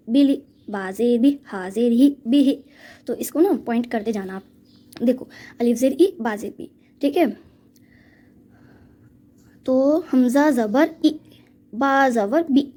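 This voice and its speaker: A woman's voice: a little high, dark tone. A woman teaching a reading lesson step by step, patiently drilling letter sounds and repeating each one.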